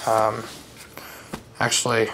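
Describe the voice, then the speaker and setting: Seated at a desk in an indoor room, a trading card hobbyist gives a casual, off-the-cuff hands-on tutorial, with a slight lisp from wearing a retainer. His lowish voice is monotone, slow and creaky, and the recording has noticeable background noise and handling clicks.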